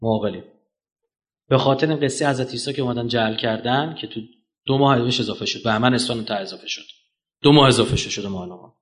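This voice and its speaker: Rhetorical questions come thick and fast from a man lecturing an audience, his delivery emphatic and his pitch swinging widely.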